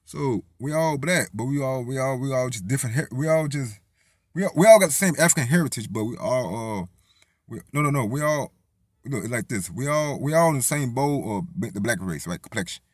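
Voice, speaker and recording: A man's voice: mid-range voice, animated, fairly quick, dry recording, clean studio sound. A man from Tennessee, talking in a rambling, profane casual monologue full of restarts. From Tennessee, USA. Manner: rambling, profane, lots of restarts and "you feel me". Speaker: vlogger.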